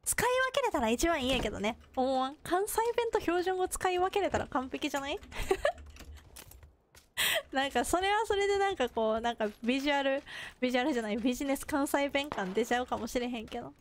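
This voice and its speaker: A woman's voice: high voice, expressive, a little fast, a little hiss or hum. A woman with a Kansai accent, chatting casually and rambling to herself while live-streaming a game. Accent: Kansai Japanese. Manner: rambling self-talk between game remarks.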